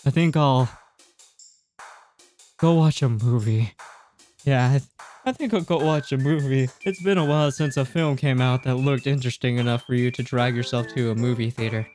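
This gaming YouTuber, a man in his twenties, speaks at a normal speed in a mid-range, slightly mellow voice. He reads the game's text aloud with relaxed reactions, recorded on a close desk microphone in a small room at home with game music in the background.

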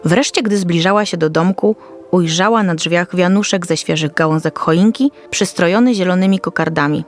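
Over gentle background music, a woman with a lowish voice narrates a children's story from a script. She keeps a moderate pace and reads carefully, with a descriptive, storytelling delivery.

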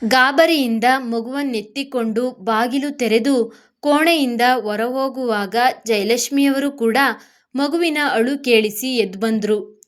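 A woman narrating a serialized motivational story in a steady, earnest storytelling manner. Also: fairly high pitch, a little slow.

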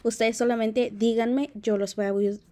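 A young woman, a native Q'anjob'al speaker, giving a casual, friendly language tutorial, often halting and correcting herself. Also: a little high, steady tone, dark tone. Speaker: language teacher on video.

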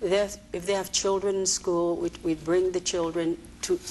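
A woman, an agency director answering TV interview questions in a halting way with many fillers. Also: lowish voice, little pitch movement, darkish tone, a little hiss or hum, low-quality recording. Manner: hesitant, many fillers and restarts. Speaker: executive director of a social services agency, interview guest. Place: TV studio.

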